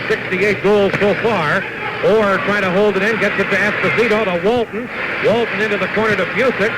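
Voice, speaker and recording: High-voiced man calling hockey through a TV speaker. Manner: brisk, steady calling of each pass and player. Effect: re-recorded off a TV speaker. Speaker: play-by-play hockey commentator. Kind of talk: live play-by-play commentary. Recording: noisy 1970s broadcast taped off a TV speaker.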